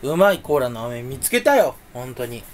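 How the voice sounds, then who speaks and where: A young man, the YouTuber, keeps up a rambling solo chat to camera in a sing-song, mid-range voice at normal speed, sucking a candy as he goes. He is playful and self-mocking, muttering between sudden loud outbursts, with a little hiss or hum behind him.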